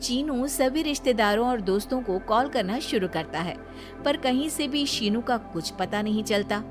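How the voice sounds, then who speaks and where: A woman narrating a cartoon story in an even storytelling manner. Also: on the high side, moderate pace. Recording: faint music behind.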